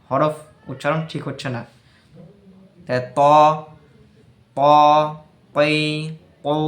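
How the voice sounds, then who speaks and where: A man's voice: medium pitch, fairly bright tone. Bengali man teaching recitation, echoey room. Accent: Bangladeshi Bengali. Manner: explains slowly, repeats and drills single letter sounds. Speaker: tajweed teacher. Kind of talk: religious recitation lesson.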